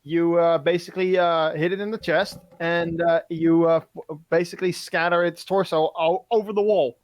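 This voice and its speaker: A man's voice: a little high, fairly even intonation, moderate pace, no room sound. A man running a tabletop game online, narrating loosely with lots of fillers and swearing. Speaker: game master.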